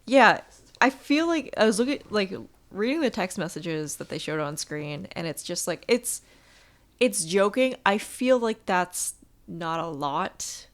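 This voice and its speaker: A woman's voice: medium pitch, very animated, a little slow. A woman co-hosting a podcast in casual chat, talking in a filler-heavy, trailing, gossipy way. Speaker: podcast co-host.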